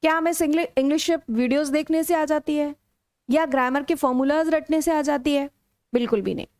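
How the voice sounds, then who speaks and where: An Indian woman teaching a spoken English lesson, explaining step by step and acting out sample sentences with lively intonation. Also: high voice, a little fast, no room sound. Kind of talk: classroom lesson in Hindi with English examples.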